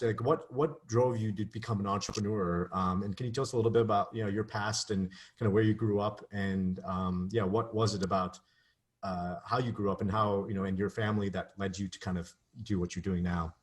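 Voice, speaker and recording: A man hosting a podcast conversation. His voice is a touch low, and he asks rambling, filler-heavy questions and encourages his guest with quick, friendly interjections. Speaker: podcast host.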